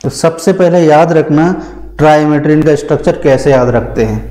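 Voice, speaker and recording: A man's voice: on the high side, normal speed, warm tone, rough recording. A man teaching a pharmacy class at a board, explaining step by step, repeating key terms and answering his own questions. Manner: calls students "beta". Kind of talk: whiteboard lecture.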